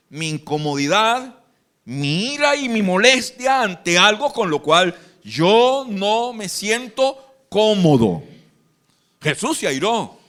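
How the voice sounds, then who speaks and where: Animated Venezuelan pastor preaching. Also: male voice, sits high. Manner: animated, acts out Bible scenes in voices. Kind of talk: live sermon. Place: church hall.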